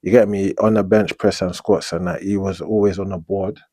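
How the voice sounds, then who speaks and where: A young man in his twenties with a London street accent, telling a long prison story in relaxed slang, often checking in with "you get me?". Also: low voice, moderate pace, no room sound. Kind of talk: storytelling monologue.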